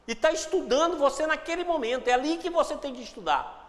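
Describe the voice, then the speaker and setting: A man's voice: extremely high pitch, expressive, fast talker, fairly bright tone, in a large hall. A man giving a reflective spiritual talk with a Brazilian Portuguese accent, acting out inner dialogues in shifting voices. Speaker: spiritual teacher.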